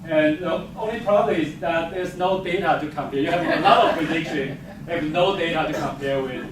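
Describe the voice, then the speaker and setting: In a lecture hall full of crowd noise, a Taiwan-born geophysics professor talks casually to faculty in English at a normal speed, his voice rather high and echoing. He's self-deprecating, laughs softly often, and his grammar is non-native. The mic is far away and the room very reverberant and noisy.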